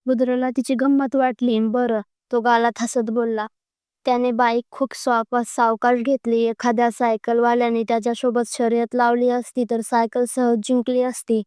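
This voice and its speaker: A woman's voice: on the high side, flat delivery, moderate pace, dark tone, smooth, no echo, clean studio sound. A woman reading a romantic story aloud as its storyteller, doing every character's lines in her own voice. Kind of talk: scripted story narration.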